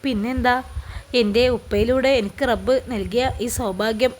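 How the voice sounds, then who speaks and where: A woman voicing a shy gentle young bride. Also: a little high, moderate pace, close to an everyday voice.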